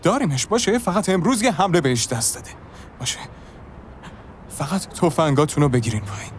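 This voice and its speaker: A paramedic coaxes a patient with gentle reassurance. His voice sits slightly high and moves lively up and down, with faint background noise. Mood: soothing. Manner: gentle, coaxing. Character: calm male paramedic soothing a patient.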